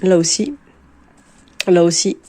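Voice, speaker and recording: A woman's voice: lowish voice, steady tone, takes it slowly, warm tone. A woman in her forties from France, chatting casually to camera in a rambling, self-mocking way with many hesitations. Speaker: book vlogger.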